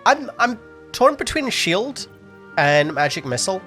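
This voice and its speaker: A gameplay commentator gives casual let's-play commentary at an unhurried pace, sniffly and thinking aloud with frequent ums and restarts. His voice sits high, very animated, with a sharp tone over soft background music.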